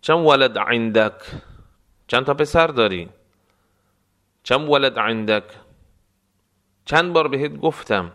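Man teaching phrases by slow repetition. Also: medium pitch, a bit bright. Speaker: language teacher. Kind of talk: spoken phrase lesson with repetition.

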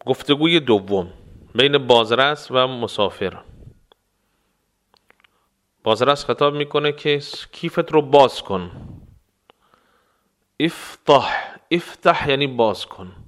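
A man teaching travel phrases, explaining words and repeating them slowly for practice. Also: medium pitch, a bit bright. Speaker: language teacher. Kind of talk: phrase lesson with slow repetitions.

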